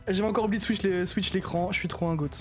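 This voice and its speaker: A woman's voice: medium pitch, steady tone, quick pace, music in the background. A woman streamer giving casual, playful commentary while playing a video game, often laughing at her own voices.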